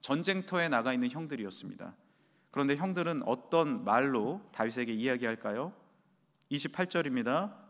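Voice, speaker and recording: A man preaching a sermon as senior pastor, an animated storyteller who acts out the voices he quotes. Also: mid-range voice, fairly quick. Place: church sanctuary. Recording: long reverb of a large hall.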